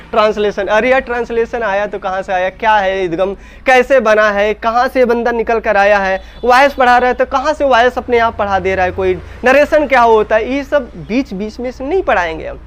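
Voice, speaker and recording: High-voiced Indian man teaching English. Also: fairly bright tone, clear, resonant tone. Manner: asks students questions and answers himself, repeats points. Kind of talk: classroom lecture in Hindi.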